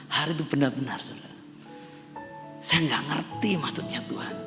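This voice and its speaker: Over music, a middle-aged Javanese pastor speaks at normal speed with a medium-pitched voice, repeatedly addressing his congregation and rising to emphatic peaks. The church hall recording has long reverb and a faint instrument in the background.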